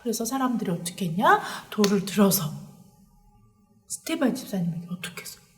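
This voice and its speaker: A woman giving a children's sermon as a children's pastor, animated and asking the children questions as she tells the story. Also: mid-range voice, brisk, a little hiss or hum.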